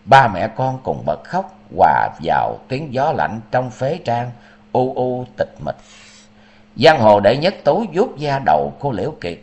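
A male storyteller with a lively, swinging pitch and a mid-range voice, reading dramatically. He narrates at an even, measured pace. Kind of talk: audiobook narration of a martial-arts novel.

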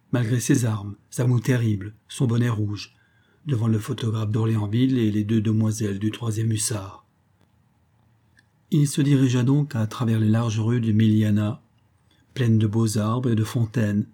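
A man reads a classic novel aloud in the manner of an audiobook narrator. His storytelling is measured and expressive. The voice is dark and mellow, with a slight husky grain. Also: fairly low pitch.

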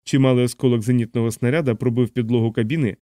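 A man reading an audiobook with expressive, measured storytelling. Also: medium pitch, no room sound, studio quality. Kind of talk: audiobook narration.

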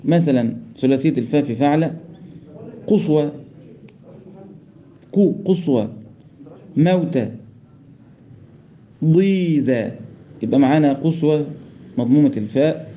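A man's voice: on the high side, animated, measured pace, long pauses, mellow. A man with an Egyptian accent teaching a class on Quran recitation rules, explaining step by step, quizzing his students and chanting verse quotations. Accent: Egyptian Arabic. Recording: dull lo-fi recording.

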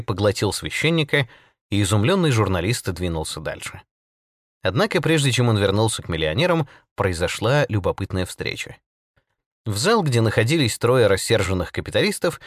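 A man narrating an audiobook with an expressive, dramatic reading. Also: lowish voice, dry recording, studio quality.

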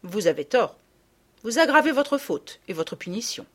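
A stern, composed lady guardian from a storybook, voiced by a woman narrator, laying down punishments in a calm, measured and severe tone. Her delivery is even on the surface but moves through a lively spread of pitch. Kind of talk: audiobook reading.

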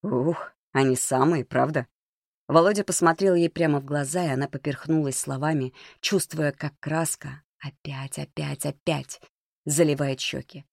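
Steady male audiobook narrator. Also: fairly high pitch, normal speed, vocal fry, dry recording, clean studio sound.

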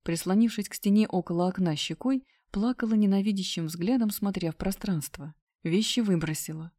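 A woman narrating a first-person story in a steady, subdued reading voice. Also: mid-range voice, brisk. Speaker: audiobook narrator.

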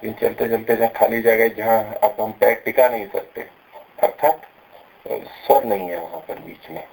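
A man teaching pronunciation, explaining patiently and slowing down to stress syllables when he demonstrates. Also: on the low side, creaky, darkish tone, poor audio. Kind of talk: explanatory lesson with recited examples.

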